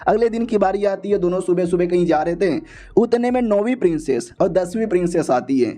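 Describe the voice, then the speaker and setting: A man's voice: high-pitched, lively intonation, a little fast, warm tone. A man narrating a comic-story recap in a chatty, slangy way with joking asides.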